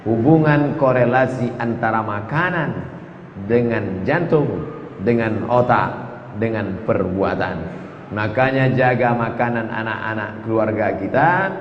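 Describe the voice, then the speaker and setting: A man preaching a sermon, chanting Arabic verses and driving his points home with rising, emphatic repetitions. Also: medium pitch. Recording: echoey hall, dull lo-fi sound, faint noise.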